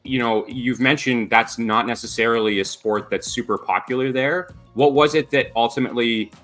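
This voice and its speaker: Male podcast host, bright forceful tone, upbeat, rambling questions; faint music under. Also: medium pitch, moderate pace. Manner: upbeat, rambling with repeated restarts. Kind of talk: casual interview hosting.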